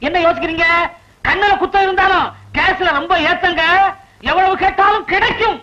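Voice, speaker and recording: Salesy high-voiced broker from film comedy. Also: male voice, brisk, sharp tone, highs cut off. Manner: salesy, persuasive.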